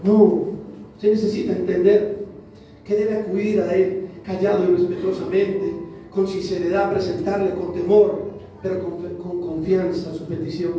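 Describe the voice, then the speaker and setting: In a church hall, a pastor preaches to his congregation, repeating phrases for emphasis. His voice sits high and is warm, with a flat delivery at a moderate pace. Faint music plays behind him, and he is heard from a distance in a very echoey recording.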